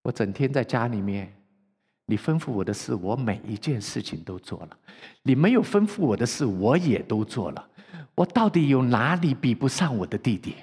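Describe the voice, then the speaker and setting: A man's voice: medium pitch, big pitch swings, normal speed, a little mellow, husky. A man playing an aggrieved elder son. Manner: aggrieved, pleading, rising to outraged. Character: resentful grown elder son complaining to his father. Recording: long church reverb.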